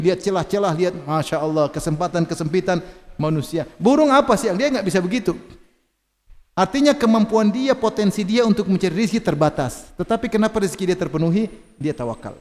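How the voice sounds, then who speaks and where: A man preaching in a mosque with an Indonesian accent, animated and joking between recited Arabic verses. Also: sits high, big-room sound. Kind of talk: sermon.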